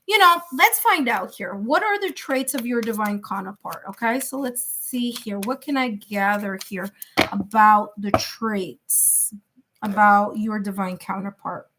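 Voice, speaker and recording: Over a noisy background, a woman with a New York accent speaks unhurriedly at medium pitch as she does live tarot readings. She's chatty and reassuring, thinking out loud with plenty of fillers.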